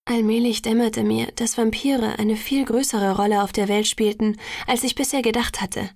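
Woman reading a novel, gravelly edge. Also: fairly even intonation, darkish tone, no room sound, clean studio sound. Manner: measured, voices characters lightly with raised pitch. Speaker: audiobook narrator. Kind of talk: first-person audiobook narration.

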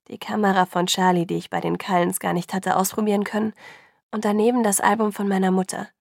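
A woman reads a first-person novel aloud as an audiobook, keeping her delivery soft and subdued. Her voice has a steady gravelly fry. The recording is close and completely dry. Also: medium pitch, fast talker, no room sound. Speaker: audiobook narrator.

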